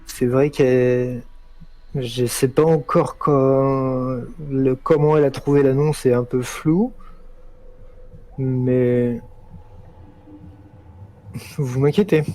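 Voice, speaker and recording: A man playing a tabletop game, speaking in character in a measured, explanatory way. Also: medium pitch, fairly even intonation, mellow. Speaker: player. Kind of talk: in-character tabletop role-play.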